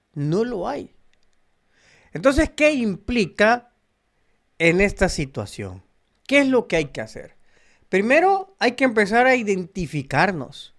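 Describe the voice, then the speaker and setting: Spiritual teacher, slow and lively pitch, keeps asking questions. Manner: slow, reflective, asks rhetorical questions.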